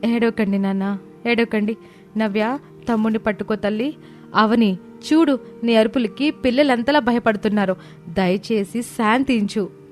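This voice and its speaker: A woman voicing a gentle, poor woman who pleads and soothes softly in a storybook. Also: mid-range voice, animated, a little fast, soft background music, voice pushed up, close to an everyday voice. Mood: soothing. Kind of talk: storybook character voice.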